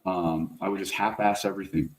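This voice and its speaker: A middle-aged man, a fire service officer, telling a story as a podcast guest in a casual, animated way, full of slang. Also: deep voice, a little fast, slight background noise. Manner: animated, slangy, says "like" and "bro" often. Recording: roomy echo.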